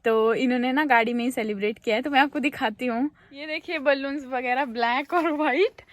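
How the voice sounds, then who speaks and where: A young woman with a slightly high voice chats casually at home for her vlog. She talks straight to viewers and keeps coaxing her toddler, her phone close by. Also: brisk. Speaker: vlogger and mother. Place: at home and in a car.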